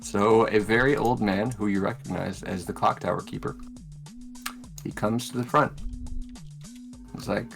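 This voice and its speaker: A man's voice: on the low side, steady tone, moderate pace, vocal fry, long pauses, a bit bright, faint music behind. A man running a tabletop game, narrating casually as game master.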